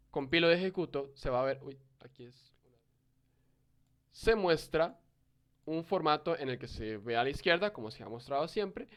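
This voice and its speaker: A man's voice: medium pitch, clear, resonant tone. A young man in his early twenties giving a screen-recorded programming lesson. He reads code aloud step by step and corrects himself as he goes. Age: young adult. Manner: explains step by step, reading code aloud, with fillers and self-corrections. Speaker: programming tutor.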